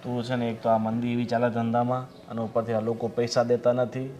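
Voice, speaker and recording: An actor with a Gujarati accent, playing an impatient, gruff family man under money pressure. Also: medium pitch, completely flat delivery, fairly quick, mellow, dull audio, soft background music, natural voice. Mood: grumbling. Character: stressed moneylender-debtor father, man. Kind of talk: Gujarati family drama acting.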